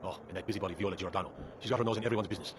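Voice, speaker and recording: A man's voice: low-pitched, racing, lightly acted. An actor playing a knowing, gossipy local man in a video game, giving a guide to his town. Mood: informative. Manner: informative, gossipy. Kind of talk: video game character dialogue. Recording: sped-up game audio with outdoor noise.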